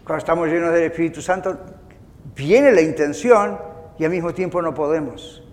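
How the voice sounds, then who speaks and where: A man pastor preaching a sermon in an animated way, acting out inner voices as he goes. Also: a little high, normal speed, big-room sound.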